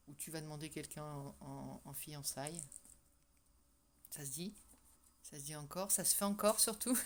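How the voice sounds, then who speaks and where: A woman doing a casual tarot reading for her viewers, chatty and hesitant with many fillers and restarts. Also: fairly low pitch. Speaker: tarot reader. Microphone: microphone that keeps falling.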